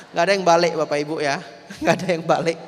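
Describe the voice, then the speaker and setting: A man, a Buddhist monk, telling a story in a sermon, speaking straight to his listeners and swinging between loud and soft. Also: a little high, slight background noise. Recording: echoey hall.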